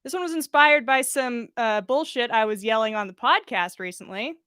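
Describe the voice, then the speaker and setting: Reading fan fiction aloud and chatting on a podcast livestream she hosts, a woman is giggly, informal and casually profane. Her slightly high voice is pushed and bright yet smooth at normal speed, recorded close on a mic with a pop filter and no room sound.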